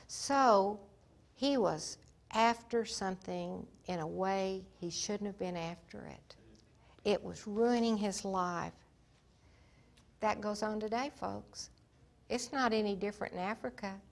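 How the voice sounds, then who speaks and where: A woman teaching the Bible in sermon style, retelling its stories emphatically and dramatically, sometimes dropping to a hushed voice. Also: medium pitch, vocal fry. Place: Africa.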